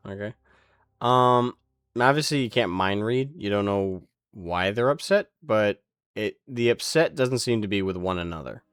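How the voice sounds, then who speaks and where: Man, game master, very low pitch, smooth clear voice, stops and starts mid-sentence. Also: expressive, a bit bright, no echo, clean studio sound. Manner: halting, filler-heavy descriptions. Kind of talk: narrating a tabletop game.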